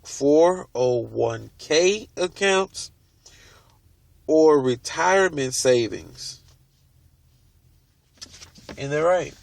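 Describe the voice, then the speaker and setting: Slow, gravelly-voiced man reading aloud. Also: medium pitch, no room sound. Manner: deliberate, stops to comment on what he reads. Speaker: video host. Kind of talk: reading a book aloud with commentary.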